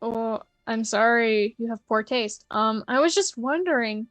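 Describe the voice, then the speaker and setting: A woman's voice: fairly high pitch, a little slow, no room sound. A woman playing a tabletop game, improvising her character's dialogue in a casual way. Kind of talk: casual improvised role-play.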